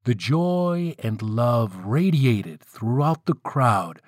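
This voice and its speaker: A man's voice: mid-range voice, big pitch swings, takes it slowly, no echo, studio quality. A man telling a myth in a playful, wry way, with casual asides to the listeners. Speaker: storyteller. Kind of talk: casual storytelling narration of myths.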